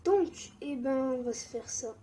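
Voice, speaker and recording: A young woman giving casual, excitable commentary while playing Minecraft. She often drops into a mumble or a whisper. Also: high-pitched, a little slow, a little hiss or hum. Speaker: gaming YouTuber.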